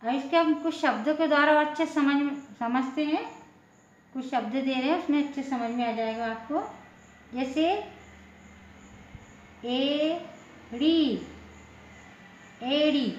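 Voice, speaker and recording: A woman teaching a language lesson, slowly explaining letters, asking questions and answering them herself, often repeating words. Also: sits high, a little hiss or hum. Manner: slow, repetitive, asks questions then answers them. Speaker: Hindi teacher. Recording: echoey room, dull lo-fi sound.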